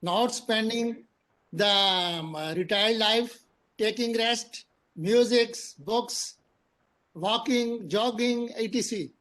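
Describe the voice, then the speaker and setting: A man's voice: high voice, takes it slowly, a bit bright. A man in his sixties with a Pakistani English accent, a retired prison officer speaking formally and courteously on a video call. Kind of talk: polite conversation.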